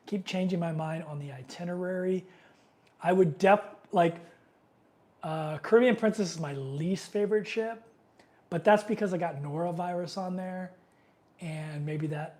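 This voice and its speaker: A high-voiced middle-aged man with a darkish tone runs a casual live question-and-answer stream despite a cold that keeps him sniffling. He rambles freely and leans on many fillers. Along the way he reads aloud what viewers comment.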